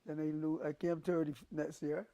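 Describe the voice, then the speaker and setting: Fairly high-pitched and fairly quick, an older calypsonian rambles through animated stories during a casual interview, restarting them over and over.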